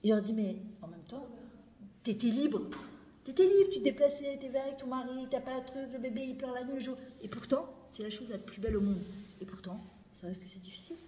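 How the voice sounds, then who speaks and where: A middle-aged woman giving an animated, emphatic Torah lesson to a room of women, repeating phrases and mixing in Hebrew words. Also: sits high, a little fast. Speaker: Torah teacher. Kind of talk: spoken lesson to a women's audience. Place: lecture hall. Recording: echoey hall, faint background noise.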